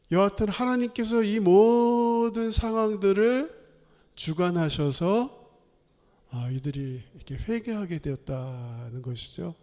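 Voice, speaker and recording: A man preaching a sermon as pastor, animated, acting out quoted voices and laughing often. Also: high-pitched. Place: church sanctuary. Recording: long hall reverb.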